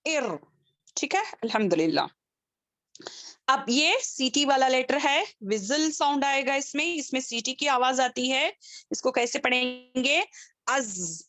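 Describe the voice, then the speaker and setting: A woman teaching an online recitation class, her voice a little high and heard close and dry over a video call. She repeats each letter sound slowly for her students and often stops to ask if they have understood. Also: a bit bright, no room sound. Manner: checks understanding with frequent questions. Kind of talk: online tajweed lesson.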